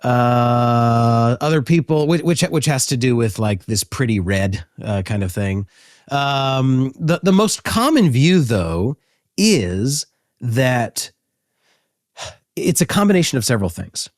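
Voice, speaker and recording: A man hosting a casual educational talk, animated and joking, with frequent fillers. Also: medium pitch, slow pace, no room sound, clean studio sound. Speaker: host.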